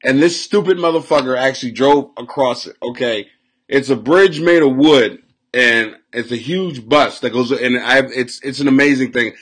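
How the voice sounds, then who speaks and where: A man in his forties ranting loudly on a live stream from a small room at home, recorded by a webcam at his desk, crude, laughing, swinging from shouting to mumbling. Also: medium pitch, moderate pace, breathy edge. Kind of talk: rambling live-stream comedy rant.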